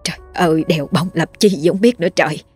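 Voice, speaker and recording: A woman voicing a sharp-tongued older wife who scolds and exclaims, in a spoken horror story. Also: lowish voice, fast talker, husky, faint music behind. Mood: scolding.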